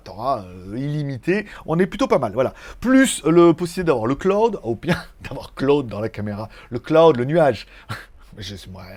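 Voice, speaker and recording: A man with a fairly high voice reviews a gadget in a loose, joking way. He talks straight to the viewer and throws in little sound-effect words as he goes. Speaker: product reviewer. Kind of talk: casual product review to camera.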